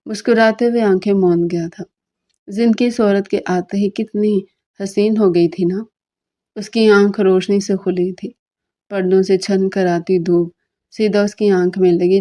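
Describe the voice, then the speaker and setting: A woman narrating a romantic novel aloud in a steady storytelling manner. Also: medium pitch.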